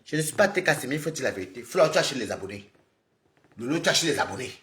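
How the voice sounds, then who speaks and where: A man live streaming, scolding and lecturing his viewers in an animated, repetitive rant. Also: medium pitch, fast talker, reverberant. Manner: scolding, animated, repeats himself, talks straight to viewers.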